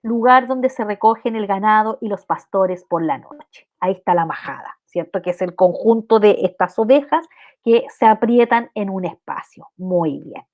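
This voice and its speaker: On a lo-fi recording, a woman with a Chilean accent speaks at medium pitch and normal speed while teaching an online language class. She explains things step by step and keeps checking in with her students through rhetorical questions.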